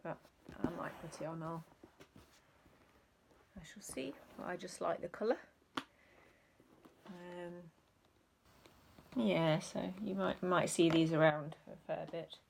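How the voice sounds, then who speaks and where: A woman's voice: fairly low pitch, takes it slowly, gravelly, long pauses, a little hiss or hum. A woman chatting casually about her resale finds, rambling and hesitant with many ums. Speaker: reseller vlogger. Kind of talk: casual chat.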